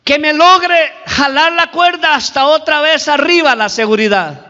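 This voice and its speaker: A man voicing a desperate male climber dangling on a rope at night, shouting for help. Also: very high voice, lively intonation, fairly quick, voice pushed up, full character voice. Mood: pleading. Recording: reverberant hall, dull lo-fi recording.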